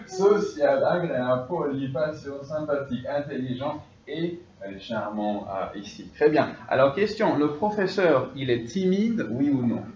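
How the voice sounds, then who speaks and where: Unhurried male teacher in an echoey classroom. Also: mid-range voice, animated, a little mellow, recorded from a distance. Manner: drills students, checks with frequent "d'accord?". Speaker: French teacher. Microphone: distant room mic. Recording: dull, echoey, noisy classroom recording from afar.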